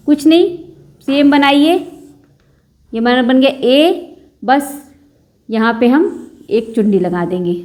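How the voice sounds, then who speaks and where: Woman, patient alphabet teacher; unhurried, drawn-out sounds, quiz-and-answer style. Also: high-pitched. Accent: Indian Hindi speaker. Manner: slow, patient, drawing out each sound; asks the class questions and answers them herself. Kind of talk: children's Hindi alphabet lesson.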